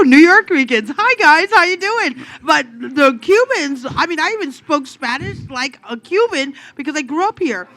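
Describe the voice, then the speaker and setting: A woman from South Florida chatting on a panel. She has a bright, crisp tone and an animated, slangy way of telling a story, and she breaks into impressions of people she has met. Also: on the high side. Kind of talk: casual group chat.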